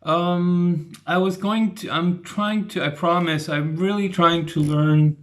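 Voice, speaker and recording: A middle-aged man talking through a casual video commentary, halting and restarting often. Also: high voice, fairly even intonation. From grew up between the United States and Argentina. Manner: halting, many restarts and fillers. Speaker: channel host giving commentary.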